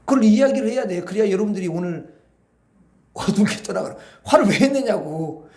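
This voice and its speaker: Male pastor, sermon, questions to the congregation, swooping lively delivery. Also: high-pitched, a little fast, reverberant. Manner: preaching, asks the congregation questions. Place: church hall.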